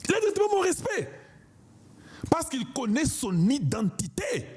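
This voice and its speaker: A Congolese man, an online political commentator from the DRC, delivers an impassioned political monologue in a very high, darkish voice whose pitch swoops wildly. He speaks unhurriedly but emphatically and declaims, repeating himself for emphasis.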